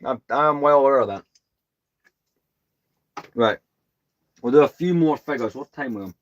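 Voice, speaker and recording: A British man hosts a casual livestream and rambles along in a chatty way. His voice is calm and soothing, pitched at an ordinary middle height. He pokes fun at himself as he talks. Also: moderate pace, muffled recording. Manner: rambling, chatty, self-deprecating. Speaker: host.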